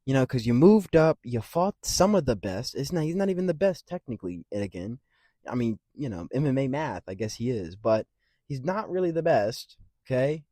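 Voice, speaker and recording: A man rants casually about upcoming fights, rambling and profane, his loudness leaping and dropping from phrase to phrase. His pitch sits in a middle range. The sound is dry and close, with no room echo. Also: very animated, moderate pace. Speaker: MMA commentary channel host. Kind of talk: casual fight-prediction rant.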